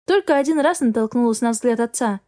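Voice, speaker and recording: A woman tells a first-person story in a measured, emotive way. Her voice sits a little high and sounds warm and mellow. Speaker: audiobook narrator. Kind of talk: first-person scripted narration.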